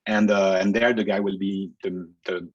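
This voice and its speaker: Hesitant Belgian-raised researcher, muffled audio. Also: male voice, low-pitched, level tone, normal speed. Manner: hesitant, many fillers and restarts. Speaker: researcher guest. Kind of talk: casual interview answers.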